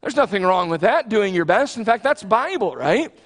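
A man's voice: sits high, very animated, normal speed. An American man in his thirties preaching a sermon from a church platform, earnest and emphatic, often restarting his phrases. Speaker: pastor. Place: large church sanctuary, on the platform. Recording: long church reverb.

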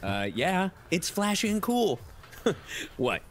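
Goofy, boastful game dude. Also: male voice, high voice, very animated, slow, slight background noise, full character voice. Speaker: video game character.

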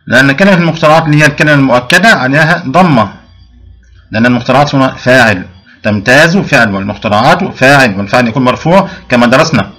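A man's voice: mid-range voice, pushed and bright. Male teacher, step-by-step grammar explanation, questions to pupils, frequent restarts. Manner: explains step by step, asks pupils questions and answers them himself; frequent restarts and drawn-out fillers. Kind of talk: recorded classroom lesson.

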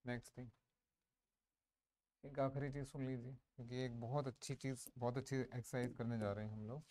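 A man's voice: medium pitch, flat delivery, fairly quick, dark tone. A man teaching a maths class in a classroom, switching between Hindi and English and often checking that students follow. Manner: mixes Hindi and English, asks the class to confirm. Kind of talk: classroom lecture.

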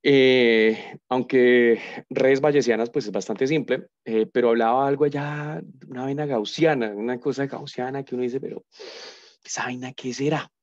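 A man's voice: mid-range voice, fairly even intonation, normal speed, hardly any pauses, no echo. A man giving a casual live coding lesson as a university lecturer, thinking aloud and humming as he types. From Colombia. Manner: chatty, thinks aloud, hums nonsense while typing. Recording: dull lo-fi sound, dry.

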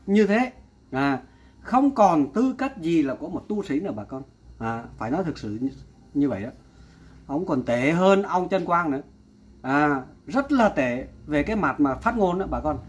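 Husky exasperated male vlogger. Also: on the high side, animated, moderate pace. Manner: exasperated, addresses viewers often, repeats exclamations. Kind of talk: commentary vlog.

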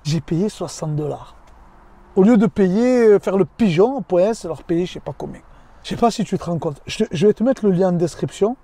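A man in his thirties telling a casual vlog story from inside his car, lively and slangy, talking straight to the viewer. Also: high-pitched, normal speed, dry recording. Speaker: vlogger.

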